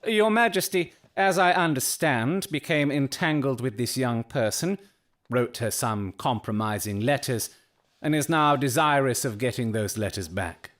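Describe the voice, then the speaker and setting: A man playing a shrewd, urbane gentleman detective in an audio drama, speaking formally and precisely with dry, theatrical irony. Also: mid-range voice, measured pace, lightly acted. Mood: dry, commanding.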